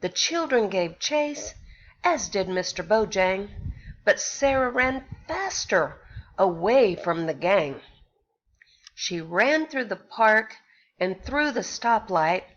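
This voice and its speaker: A pre-K teacher reads a rhyming picture book aloud to young children in a slow, sing-song, very animated voice. Her pitch swings widely as she pauses to ask the kids questions, and the recording sounds dull and lo-fi.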